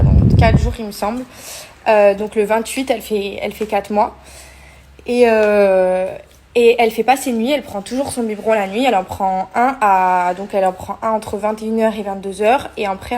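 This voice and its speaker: A woman's voice: mid-range voice, darkish tone. A young woman vlogging casually, talking with many hesitations and fillers. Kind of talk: casual vlog chat.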